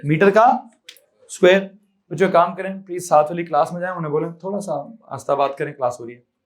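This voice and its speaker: A man with a Pakistani accent teaches a physics lesson in a classroom, and his voice sits high for a man. He fires questions at his students, repeats the answers back, and drops in English terms. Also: fairly quick. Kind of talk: classroom lecture.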